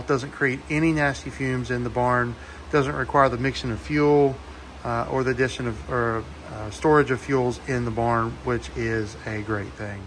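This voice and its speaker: A man in his forties giving a relaxed, plainspoken tool review to the camera inside a wooden horse barn, with lots of fillers. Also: mid-range voice, noisy background. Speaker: farm owner reviewing a tool. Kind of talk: casual talk to camera.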